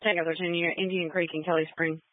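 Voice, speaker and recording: A woman's voice: on the low side, little pitch movement, fast talker, no room sound. A woman working as a police dispatcher, speaking in clipped radio codes over a police radio transmission. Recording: tinny dry radio channel.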